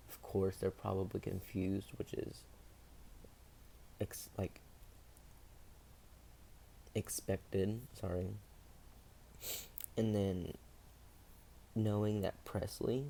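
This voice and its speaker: A young man with a deep, mellow voice shares his story in a personal video diary. He talks hesitantly, pausing often and filling gaps with soft fillers, and his voice has a gravelly edge. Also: slight background noise. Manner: hesitant, many pauses and fillers. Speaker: vlogger.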